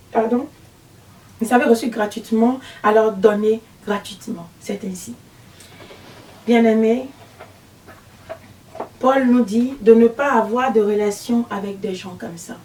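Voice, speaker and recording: A woman preaching her testimony with emphatic, animated storytelling. Her voice sits fairly high. The recording is roomy, with the mic far off and faint ambience behind her. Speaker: visionary preacher. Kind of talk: testimony sermon.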